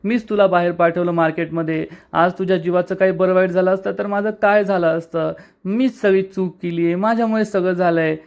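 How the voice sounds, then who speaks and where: A man's voice: high voice, fairly even intonation, fairly quick, few pauses, smooth. A man voicing a scheming older woman who puts on melodramatic, pleading remorse, retold in a serial recap.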